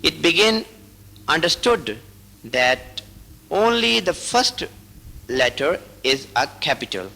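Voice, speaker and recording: A man with a fairly high, bright voice reads instructional rules aloud. He goes very slowly, pausing between short phrases like a patient teacher. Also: very animated, gravelly, slight background noise, poor audio. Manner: slow, deliberate reading in short broken phrases. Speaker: teacher reading out braille rules. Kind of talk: slow instructional reading.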